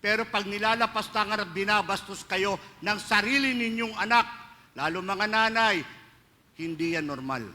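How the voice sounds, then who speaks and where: Speaking at a moderate pace, this man has a high, bright, forceful voice and a Filipino accent. He is a priest giving a humorous, anecdotal homily mixing Filipino and English in a large church, where the hall's reverb and faint ambience come through.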